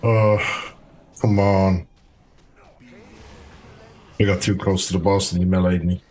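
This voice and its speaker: Low-voiced man, dry raid chatter. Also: level tone, takes it slowly, dark tone, soft background music. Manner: dry, swearing, wry asides. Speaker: streamer. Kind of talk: casual raid chat.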